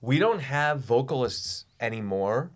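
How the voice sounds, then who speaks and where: A man's voice: mid-range voice, animated, measured pace. A man in his forties co-hosting a comedy podcast, telling stories with enthusiasm and stumbling over repeated words. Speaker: podcast co-host. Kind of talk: casual comedic chat.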